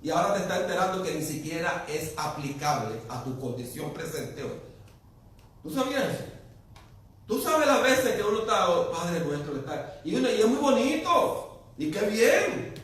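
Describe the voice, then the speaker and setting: A man preaching a sermon, asking the congregation rhetorical questions and swinging between quiet, low passages and loud, emphatic ones. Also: sing-song, moderate pace. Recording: very echoey room, distant mic.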